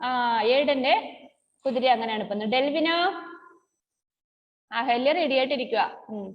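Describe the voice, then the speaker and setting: A woman with a high voice leads a class of small children, drawing out each word in a slow, sing-song chant and gently coaxing them to reply. The sound is dull and lo-fi, with a long, hollow reverb trailing behind her. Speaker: kindergarten teacher. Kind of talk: online class teaching.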